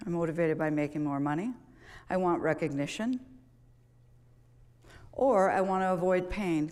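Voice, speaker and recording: A golf coach addresses a big auditorium audience with a motivational speech, her lowish, somewhat dark voice ringing with long hall reverb. Her style is conversational storytelling, peppered with rhetorical questions.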